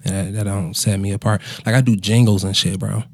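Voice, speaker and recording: A man's voice: fairly low pitch, fairly even intonation, fairly quick, dry recording, studio quality. A man in his twenties, a musician chatting casually in a laid-back, slangy bro manner with plenty of swearing. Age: 20s. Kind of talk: casual conversational storytelling.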